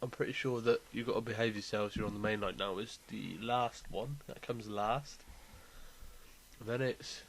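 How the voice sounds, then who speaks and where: A man's voice: lowish voice, fairly even intonation, normal speed. A man taking part in a casual quiz chat, answering in a laid-back way with frequent chuckles. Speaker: quiz contestant.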